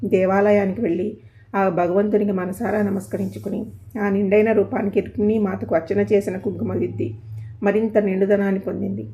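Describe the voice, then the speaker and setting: A woman's voice: mid-range voice, flat delivery, a little fast, warm tone. A woman narrating a scripted story in a poetic, descriptive way.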